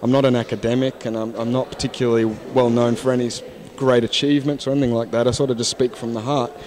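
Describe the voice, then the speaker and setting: Speaking fast and flat in a mid-range, slightly dark voice, this English teacher is a guest in a casual interview. He holds a handheld mic in a conference hall lounge indoors and talks frankly and thoughtfully, restarting often.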